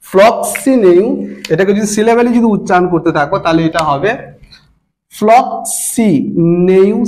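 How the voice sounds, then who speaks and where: A man with a Bengali accent, talking in a high voice, gives an English grammar lesson. He spells words letter by letter and repeats himself patiently. He stretches the long words out, sounding them syllable by syllable. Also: darkish tone. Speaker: English teacher.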